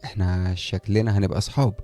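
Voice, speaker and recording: Guy doing a nosy friendly young egyptian neighbor, quick chatty talk, low dark voice. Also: steady tone, faint music behind, natural voice. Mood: friendly, curious. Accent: Egyptian Arabic. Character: friendly young male neighbor, talkative and curious.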